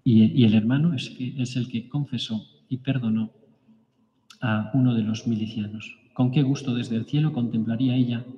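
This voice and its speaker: A man reading a story of martyrs aloud to a prayer group as preacher, halting and restarting now and then. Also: mid-range voice, mellow. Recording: echoey hall, dull lo-fi sound.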